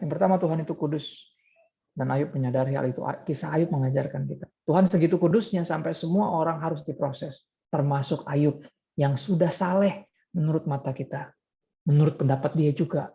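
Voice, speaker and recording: A man's voice: fairly high pitch, gravelly, mellow, lo-fi sound. A man preaching a sermon as pastor in a conversational way, often throwing rhetorical questions to the congregation.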